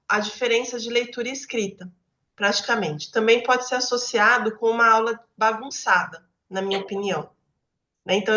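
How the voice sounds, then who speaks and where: A woman's voice: fairly high pitch, a bit bright. Brazilian woman hosting a reading club, chatty teacher vibe, keeps asking "né?", roomy dull lo-fi sound. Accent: Brazilian Portuguese. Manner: conversational, often checks in with "né?". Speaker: book club host and educator. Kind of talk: explanatory teaching talk.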